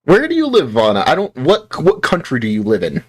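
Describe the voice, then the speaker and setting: A man's voice: medium pitch, huge pitch swings, brisk, darkish tone. A young American man from Utah chatting casually with his viewers while playing, rambling and playful, tired after a long work shift. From Utah, United States. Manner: rambling, playful, self-deprecating, talks to chat. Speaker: streamer. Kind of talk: casual live-stream chat while playing.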